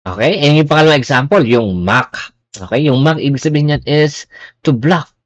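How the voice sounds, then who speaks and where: A man's voice: on the high side, animated, normal speed, no room sound, dull audio. A man teaching a pronunciation lesson in a casual, explanatory way, checking in with "okay" after each point. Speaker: language teacher.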